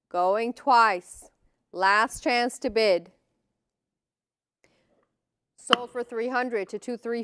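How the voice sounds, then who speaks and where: A woman's voice: a little high, smooth, no room sound, studio quality. A woman working as an auctioneer, calling lots and bids in a formal, clipped, repetitive manner.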